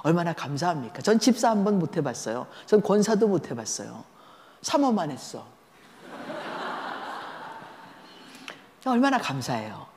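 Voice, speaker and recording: A woman with a lowish voice speaks unhurriedly, leaving long pauses, as a guest lecturer delivering a storytelling sermon at a church seminar. Her manner is lively and conversational, and she puts questions to the audience. The recording, made in a large church sanctuary, carries the echo of the hall.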